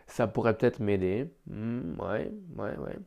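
A man improvising a solo podcast, hesitant and self-deprecating as he thinks aloud, with careful, deliberate articulation. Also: lowish voice, gravelly, mellow, lo-fi sound. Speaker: amateur podcast host.

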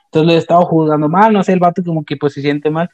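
A young man with a Mexican accent, casually retelling an anime plot in a slangy, animated way with many restarts. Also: a little high, fast, no echo. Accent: Mexican Spanish. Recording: dull, slightly lo-fi dry sound.

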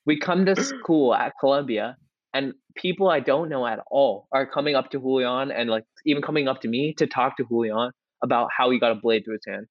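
A young man co-hosting a podcast, telling a story in a casual, excitable way with lots of "like" and restarts. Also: medium pitch, a little fast, dry recording, dull audio. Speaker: podcast co-host.

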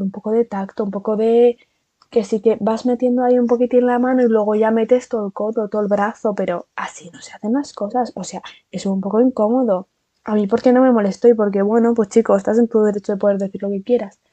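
Young spanish woman gabbing through a storytime, mellow voice, dry close sound. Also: medium pitch, breathy edge, no room sound. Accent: Spain. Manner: chatty, animated storytelling with lots of fillers and asides. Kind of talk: casual storytime vlog.

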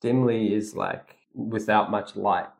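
A man's voice: lowish voice, fairly even intonation, slow pace, gravelly. A man reading a children's story aloud and patiently explaining the hard words as he goes. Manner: patient, explanatory, reads dialogue with voices.

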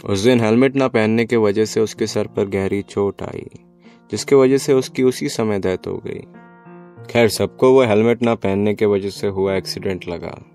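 Low, gravelly man narrating. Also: normal speed, darkish tone, faint music behind. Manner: wistful, reflective storytelling. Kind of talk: first-person audio story narration.

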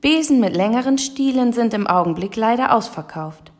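A woman's voice: medium pitch, lively intonation, moderate pace, darkish tone, in a large hall, lightly acted. A polite, eager village shopkeeper, voiced by a woman. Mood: obliging. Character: friendly, eager-to-please village shopkeeper man.

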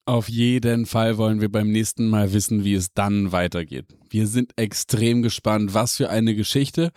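A man's voice: on the low side, fairly even intonation, moderate pace, a little mellow, no echo, clean studio sound. A man as podcast host, closing the episode and addressing listeners directly. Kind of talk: closing remarks.

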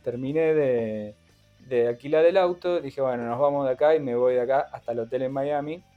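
A man's voice: medium pitch, moderate pace, phone-quality sound, faint music behind. A middle-aged man with a Rioplatense Spanish accent, telling a comic story and acting out the other people's voices. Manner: animated, acts out other voices in quotes.

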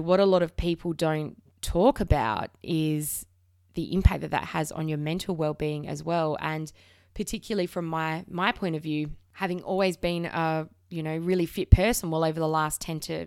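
A woman in her thirties hosts her own solo podcast, talking frankly with casual swearing and frequent restarts while nursing a slight cold. Her deep, steady, slightly mellow voice moves at normal speed, captured in clean studio quality with no echo.

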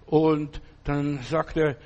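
A pastor preaching a sermon, speaking fervently and directly to the listener, telling stories in a loose, restarting way. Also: male voice, a little high, flat delivery, very slow, a little mellow, highs cut off. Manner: loose, storytelling delivery with restarts.

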